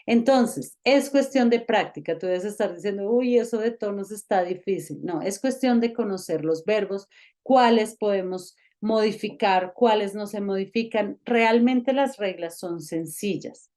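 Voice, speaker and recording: A woman's voice: mid-range voice, a little slow, darkish tone. A woman teaching an online English grammar lesson, explaining each rule step by step and checking in with the learner. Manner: patient, explains step by step with many check-ins.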